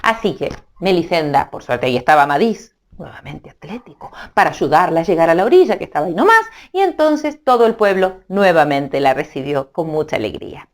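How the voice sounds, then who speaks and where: A woman narrating a children's storybook in an animated, playful way, adding sound effects. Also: deep voice, fairly quick.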